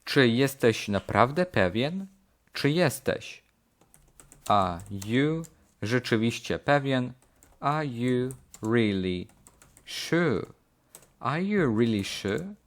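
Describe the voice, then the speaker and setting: A man teaching English, slowly repeating short phrases in a lesson. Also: medium pitch, lively intonation. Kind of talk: slow language lesson drills.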